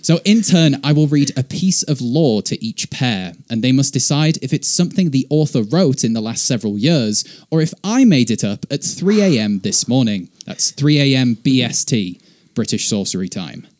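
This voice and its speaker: This is a man running a comedy podcast quiz. His voice swings widely in pitch as he throws out crude, sarcastic jokes between questions. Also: animated, normal speed, few pauses, darkish tone. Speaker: quiz host.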